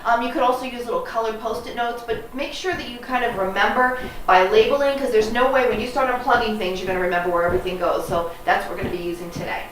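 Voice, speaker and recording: Woman with highish voice in echoey, noisy room. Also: steady tone, quick pace, few pauses. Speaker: professional organizer and presenter. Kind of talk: casual unscripted how-to demonstration. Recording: echoey room, distant mic, clear noise.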